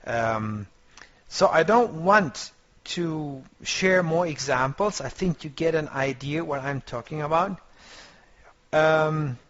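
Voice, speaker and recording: A man's voice: on the high side, lively intonation, slow pace, a bit bright. A man teaching a trading course, coaching his students in a motivational way and often searching for words. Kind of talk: online course lecture. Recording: dull lo-fi compressed audio.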